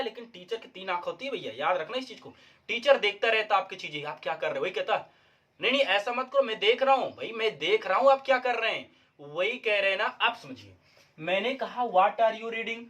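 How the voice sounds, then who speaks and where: A man's voice: high voice, a bit bright. A young man teaching English grammar, repeating and stressing example sentences in a classroom way, and a bit unwell with a cough. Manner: repetitive, emphatic classroom explaining, quotes example sentences. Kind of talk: Hindi-language English grammar lesson.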